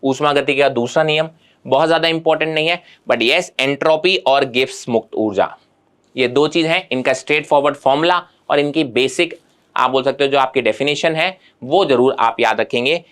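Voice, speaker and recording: A man in an exam-preparation lesson, talking straight to his students and reassuring them. His voice sits at an ordinary middle pitch. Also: a little fast, a bit bright, smooth. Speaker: teacher.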